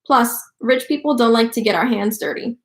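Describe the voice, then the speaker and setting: A woman's voice: a little high, lively intonation, normal speed. A woman voicing a spoiled, bragging rich little girl who talks in a boastful, bouncy way, read aloud from a storybook. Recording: roomy echo.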